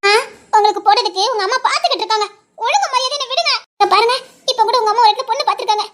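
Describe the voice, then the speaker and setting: A woman's voice: very high-pitched, racing, a bit bright. A woman voicing a timid young woman who pleads and stammers in an amateur audio drama. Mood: scolding. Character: timid young woman, scared yet stubborn. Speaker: young woman resisting a suitor.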